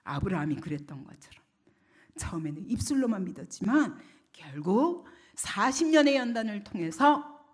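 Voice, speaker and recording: A woman pastor preaching a sermon, asking the congregation rhetorical questions and swinging between loud declarations and hushed near-whispers. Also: mid-range voice, sing-song, moderate pace, husky.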